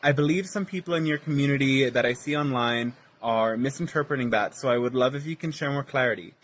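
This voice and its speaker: A man's voice: medium pitch, fast, a bit bright. A man from Pennsylvania politely and earnestly reading out a prepared question. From Pennsylvania, United States. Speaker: viewer with a recorded question.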